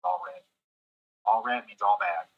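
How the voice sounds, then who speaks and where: A man with a scratchy voice giving running commentary on his live day trades, thinking aloud in quick half-muttered remarks. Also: on the low side, husky. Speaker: day-trading livestream host. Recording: dull lo-fi sound.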